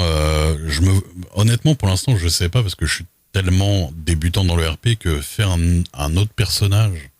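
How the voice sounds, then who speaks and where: Very deep husky French-speaking streamer man. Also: darkish tone, no echo. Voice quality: unusual, very deep voice. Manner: reads rules aloud with loose asides. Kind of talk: casual livestream chat while role-playing.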